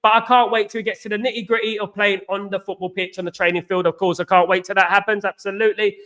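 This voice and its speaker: This English host speaks quickly in a high, sharp voice with little pitch movement. During his relaxed livestream he reads viewer comments, says hello to people by name and keeps coming back to "absolutely" and "big up."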